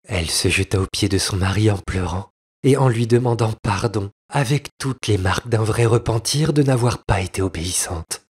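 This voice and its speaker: A man narrating a storybook fairy tale with a husky voice, in slow, expressive storytelling. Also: on the low side. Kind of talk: storybook reading.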